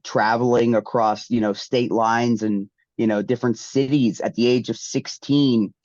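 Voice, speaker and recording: A man with a mid-range, darkish voice, congested as he gets over a recent flu, speaks as a guest wrestler giving casual interview answers. He rambles, filling his replies with ums and restarts. The audio is dull, lo-fi and dry.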